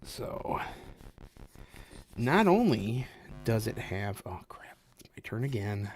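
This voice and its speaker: Man, stream host, slow-paced, very lively pitch, chatty. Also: faint music behind. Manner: lively, chatty, exclaims while playing. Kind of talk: casual chat while playing a game.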